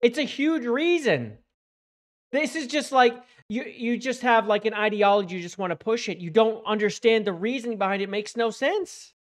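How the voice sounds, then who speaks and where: A man's voice: high voice, normal speed. A man reacts in casual, off-the-cuff commentary. He is openly opinionated and scoffs at what he is responding to.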